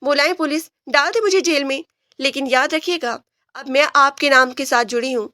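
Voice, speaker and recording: A woman's voice: high-pitched, pushed and bright, no room sound, studio quality. A woman voicing a proud, stubborn young woman who answers back with teasing defiance. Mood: defiant.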